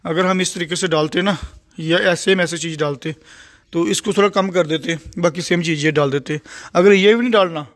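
Recording on a phone as he walks, a man with a fairly bright, highish voice and a Punjabi-tinged Hindi accent tours his large open-sided poultry shed, still under construction. He talks at normal speed directly to the viewer, explaining in a plain, repetitive way.

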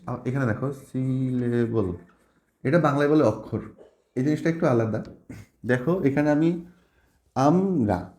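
A man teaches a grammar lesson in a mellow, dark voice, moving slowly from point to point. He keeps asking his listeners questions to check that they follow. The room gives his voice a noticeable echo. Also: on the high side. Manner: explains slowly step by step with many check questions. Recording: echoey room.

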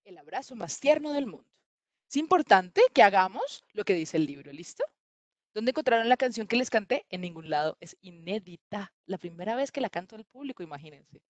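A woman reading a story aloud to children on a livestream from home, animated and playful, talking straight to the kids. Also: mid-range voice, a little fast, no room sound.

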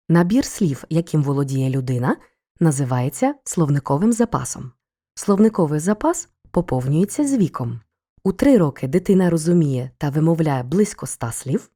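A woman narrating a scripted school lesson for children, explaining each point in a clear, measured way. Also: low voice, dark tone. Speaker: teacher.

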